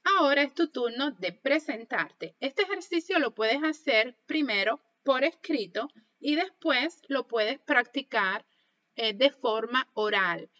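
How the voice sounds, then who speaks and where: A woman teaching a French lesson online, speaking slowly and carefully as she models pronunciation for learners to repeat. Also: sits high, expressive, bright, forceful tone, lo-fi sound.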